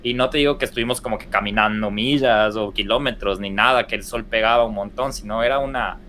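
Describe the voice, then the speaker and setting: A young man with an Ecuadorian Spanish accent talks fast in a lowish, sharp voice, with a little hiss or hum in the recording. He is a podcast guest telling stories conversationally, rambling and restarting with plenty of fillers.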